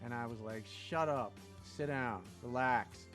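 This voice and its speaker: A man's voice: medium pitch, measured pace, a bit bright. Guy telling a brash story in an interview, medium voice, some music behind. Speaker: actor interviewee. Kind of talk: casual anecdote.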